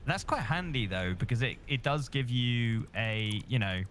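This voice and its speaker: A man's voice: mid-range voice, animated, moderate pace, a bit bright, a little hiss or hum. A man with a Bristol accent chatting casually on a stream, rambling with lots of fillers and repeated words. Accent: Bristol English. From England. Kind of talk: casual chat.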